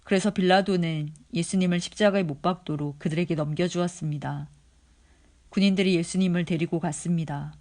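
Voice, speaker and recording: Steady, measured Bible reader. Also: medium pitch. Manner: steady, measured reading pace. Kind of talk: scripture reading.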